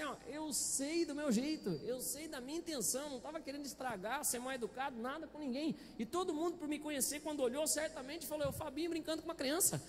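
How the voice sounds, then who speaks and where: A man's voice: very high-pitched, long reverb tail, slight background noise. A male pastor with a Brazilian Portuguese accent, preaching a Sunday sermon in a chatty, playful way and often asking the congregation questions, on a handheld microphone in a church. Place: church auditorium.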